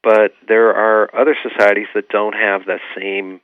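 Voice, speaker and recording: A man's voice: fairly low pitch, little pitch movement, normal speed, no echo. A man, an author being interviewed, explaining his views earnestly and with many fillers. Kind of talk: remote radio interview. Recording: tinny phone line.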